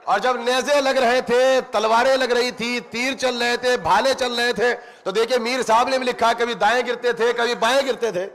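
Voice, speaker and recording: A man's voice: extremely high pitch, steady tone, few pauses, a bit bright, voice pushed up. A man voicing a remorseful male killer confessing an atrocity, his lament rising to anguished cries.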